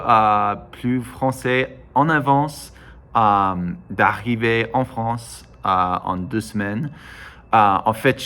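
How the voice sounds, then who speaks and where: Slow, halting American man speaking broken French. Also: lowish voice, a bit bright, clear, resonant tone. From United States. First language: English. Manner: broken, halting learner's French with hesitations and self-corrections. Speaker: vlogger. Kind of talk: casual monologue to camera.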